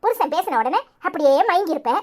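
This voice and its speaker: A woman voicing a sharp-tongued, mocking middle-aged mother in a cartoon, with a Tirunelveli Tamil accent. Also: extremely high pitch, lively intonation, quick pace. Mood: scolding.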